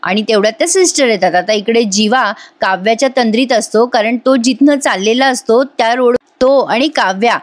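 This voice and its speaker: A woman's voice: on the high side, moderate pace, hardly any pauses, no room sound. A woman narrating a voice-over recap of a TV serial episode in a chatty storytelling manner. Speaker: TV serial reviewer.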